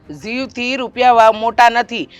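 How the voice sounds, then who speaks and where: A woman's voice: on the high side, fairly even intonation, measured pace, clean tone, lightly acted. A woman playing a caring village housewife who coaxes a worried relative to speak openly. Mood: concerned. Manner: concerned, coaxing. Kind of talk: rural family stage drama.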